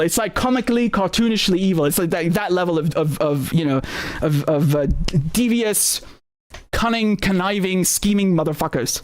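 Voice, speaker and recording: A man hosting a live stream, talking through current events in a casual, animated and sardonic way, often repeating words and swearing. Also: high-pitched.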